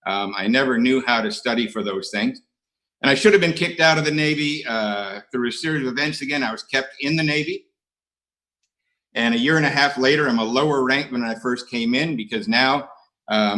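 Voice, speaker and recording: A middle-aged American man with a medium-pitched, bright, forceful voice shares his recovery story as an AA speaker at an online conference. His humor is dry and self-mocking, he hesitates often, and the recording is rough.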